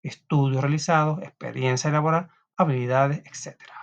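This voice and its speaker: A man's voice: on the high side, fairly even intonation, brisk, gravelly. A man with a Salvadoran Spanish accent who teaches a class, reading from a text aloud and often checking in with his students. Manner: reads aloud, with frequent tag questions and restarts. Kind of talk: recorded classroom lesson. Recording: dull lo-fi recording.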